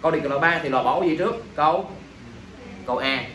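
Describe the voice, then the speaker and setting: Speaking very fast in a slightly high, somewhat bright voice, a male teacher runs an exam review, constantly checking in with his students through questions. The classroom recording is echoey, taken from a distant mic with faint ambient noise.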